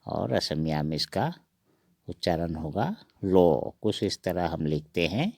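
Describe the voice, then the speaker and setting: A man teaching the sounds of an alphabet, repeating each one slowly and several times. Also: low-pitched, big pitch swings, vocal fry, darkish tone, no echo, clean studio sound. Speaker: language teacher. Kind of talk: recorded alphabet lesson.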